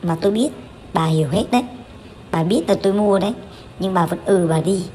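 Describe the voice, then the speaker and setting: Talking quickly in a warm, lowish voice, a woman in her thirties voices over a family vlog. She's open and chatty, stumbling into fillers and correcting herself often, with a touch of hiss or hum in the recording.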